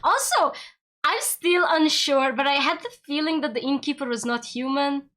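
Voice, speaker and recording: A giggly young woman streamer, Hungarian by first language, chats casually with viewers during a game stream. Her voice sits high, and she rambles in quick, excited bursts.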